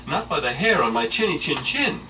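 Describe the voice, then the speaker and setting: A man voicing a small, polite male pig in a read-aloud storybook, in a high, pleading voice. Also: fairly quick. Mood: defiant. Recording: distant mic with steady background noise.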